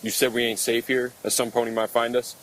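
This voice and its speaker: A man voicing a big, steady country stallion with folksy phrasing in an audio drama. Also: medium pitch, a little fast, a little hiss or hum, natural voice, poor audio. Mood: grave, concerned.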